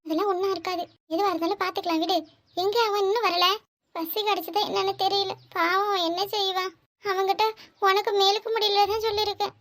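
A woman's voice: extremely high pitch, little pitch movement, a little fast, dry recording. A soothing older village mother. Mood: comforting. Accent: southern Tamil Nadu. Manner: comforting, soft.

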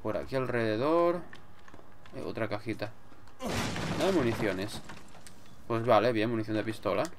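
A man's voice: on the low side, normal speed, pauses often, noisy background. A man with an accent from Spain giving casual, sweary gameplay commentary, muttering to himself as he plays. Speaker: gamer, let's player. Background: game music.

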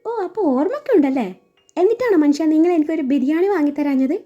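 A woman voicing a naive young wife who talks back quickly and sassily, over a dull recording with faint music. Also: high-pitched, lively intonation, mellow, voice pushed up. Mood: sassy. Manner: quick, sassy, innocent.

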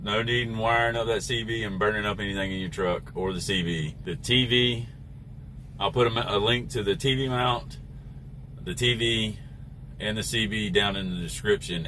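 At normal speed, a middle-aged American truck driver explains a how-to in a lowish voice with a bright, forceful tone. He keeps it casual and plain-spoken, filming in his truck cab with noise in the background.

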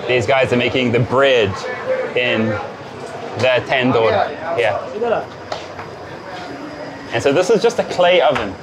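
A man's voice: mid-range voice, slow, pauses often, noisy background. A man in his thirties hosting a travel vlog, explaining things casually and informally to camera. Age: 30s. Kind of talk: casual chat and commentary to camera. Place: busy street and small tiled eatery. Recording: crowd chatter around the voice.

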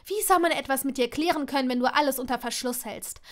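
A woman voicing a fiery, hurt young witch who speaks loudly and with heated emphasis in a fan-fiction audiobook. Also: high-pitched, animated, normal speed. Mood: furious.

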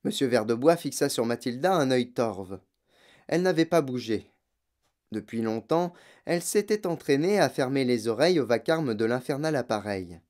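A man reading a children's novel aloud as an audiobook, in measured, expressive narration. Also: mid-range voice. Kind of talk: scripted narration.

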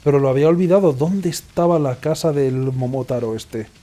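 A man's voice: mid-range voice, a little fast, mellow. A man giving casual let's play commentary, sarcastic and rambling, often muttering to himself. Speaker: gaming streamer. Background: faint game music.

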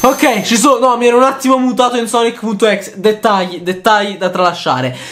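Excitable high-voiced man reacting loudly. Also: brisk. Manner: excitable, jokey, bursts into shouted reactions. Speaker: YouTuber host. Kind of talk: reaction video commentary.

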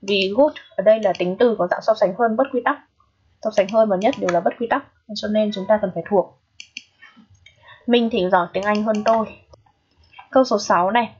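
A woman's voice: mid-range voice, a little fast, long pauses, darkish tone, dull audio, a little hiss or hum. A woman English teacher, patiently walking students through an exam review and checking in with frequent rhetorical questions.

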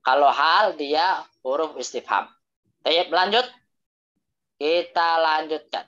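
A male teacher runs an online Arabic class, speaking slowly and deliberately in a sharp, fairly high voice. He drills word forms, repeats each student's answer back with corrections, and mixes Arabic phrases into Indonesian explanations. The video call audio is dull and lo-fi.

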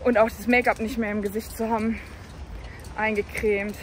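A young woman chatting on camera in a bubbly, excitable way while out on the street. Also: mid-range voice, normal speed, a little hiss or hum. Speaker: vlogger. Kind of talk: casual chat on camera.

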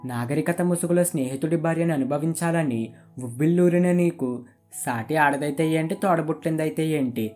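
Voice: mid-range voice, darkish tone, lightly acted. A storyteller voicing an enraged young woman who berates her brother, with faint guitar music behind. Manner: raging, reproachful.

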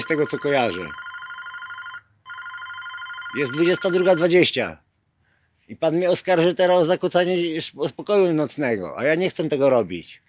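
Guy filming outside a police station at night, teasing the cop, voice jumping all over, kinda high. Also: background noise. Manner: teasing, theatrical, calls out names in drawn-out shouts. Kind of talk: mocking banter with a police officer. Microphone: handheld camera.

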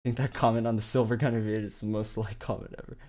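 A man casually talking to his stream chat while producing music, with relaxed, short asides to himself. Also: on the low side, quick pace. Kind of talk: casual live-stream commentary while working.

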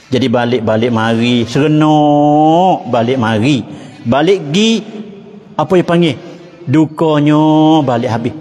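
A man with a Patani Malay accent preaching an Islamic sermon in a mosque, a lively storyteller who chuckles and chants Arabic phrases. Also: a little high, husky, long reverb tail. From southern Thailand. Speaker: religious teacher.

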